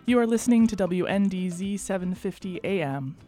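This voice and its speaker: A woman hosting a radio program in a studio, giving a gentle, gracious introduction and interviewing her guest. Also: medium pitch, expressive, fairly quick, soft background music. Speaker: radio host.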